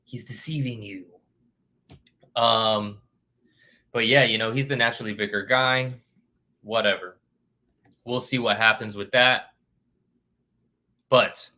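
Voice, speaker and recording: A man's voice: on the low side, pushed and bright. A man hosting a casual boxing vlog, reading news headlines aloud and chatting with lots of fillers. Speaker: boxing channel host.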